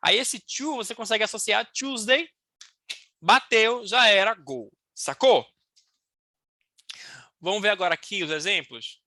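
Brazilian woman, English teacher, bright dry close sound, unhurried and lively. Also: mid-range voice, dry recording. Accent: Brazilian Portuguese. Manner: lively and playful, slowing to drill English words. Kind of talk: casual online English lesson.

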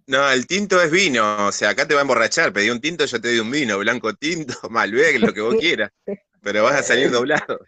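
A man's voice: mid-range voice, lively intonation, a little fast, pushed and bright, no room sound. An Argentine man with an Argentine Spanish accent, chatting casually in a playful, joking way. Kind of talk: casual chat.

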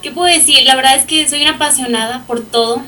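A lively woman in her twenties with a Mexican accent introduces herself. Her voice is bright and fairly high. She sounds distant from the mic, with faint noise behind. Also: fast talker. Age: 20s. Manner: lively, laughs easily. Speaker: guest.

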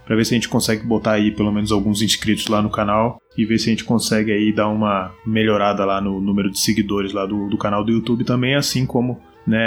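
A man with a Brazilian Portuguese accent hosting a solo podcast, explaining at length in a relaxed way, with frequent fillers. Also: on the low side. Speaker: podcast host. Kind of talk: solo podcast talk on martial arts history.

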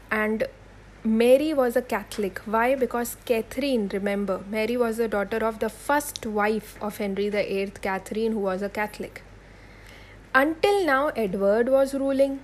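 In a rough recording, a woman with a fairly high, darkish voice teaches history to exam students. She repeats key points, spells out names letter by letter, and poses questions she then answers herself.

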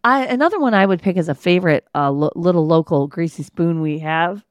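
A woman's voice: on the low side, a little fast, dry recording. A woman in her thirties co-hosting a home podcast in casual chat, playful and teasing. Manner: playful teasing, animated imitations. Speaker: podcast co-host. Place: home basement studio.

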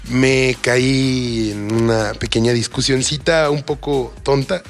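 A man's voice: mid-range voice, fairly even intonation, slow pace, soft background music. A man with a Mexican Spanish accent, a guest DJ, chatting casually with a joking, teasing manner. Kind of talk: casual chat.

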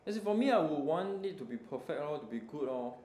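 A man's voice: fairly high pitch, expressive, fast, dark tone. Singlish-speaking young man in an echoey room. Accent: Singaporean. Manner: colloquial Singlish with lah, lor and leh particles. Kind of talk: casual chat. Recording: roomy echo, light background noise.

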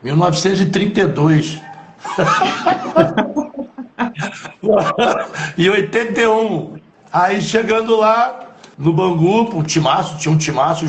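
A man with a Carioca accent recounts his football youth in a lively, slang-heavy conversational style, his voice sitting a bit higher than most men's. He is recorded in a roomy space with a noticeable echo around his voice. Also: a little hiss or hum. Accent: Carioca Brazilian Portuguese. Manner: animated, slangy storyteller with many asides. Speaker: former footballer guest. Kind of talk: conversational storytelling interview.

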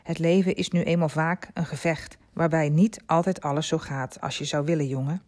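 A woman reading aloud gives voice to an older male traveling showman, firm but gentle in how he talks to the boy. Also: low voice, steady tone, normal speed, lightly acted. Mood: gently persuasive. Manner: firm, then gently persuasive.

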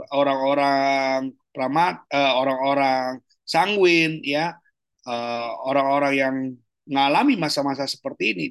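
A man, a pastor, giving a casual teaching talk on a video call, colloquial and animated, jumping up in pitch for emphasis. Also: dry recording. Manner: animated, colloquial, jumps high in pitch for emphasis and laughs often. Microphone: online video call.

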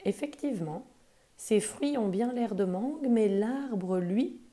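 Brief: woman doing a prudent mother, slow and measured, slightly raised voice, warm. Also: medium pitch, lively intonation, voice pushed up. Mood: cautious. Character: cautious, sensible mother.

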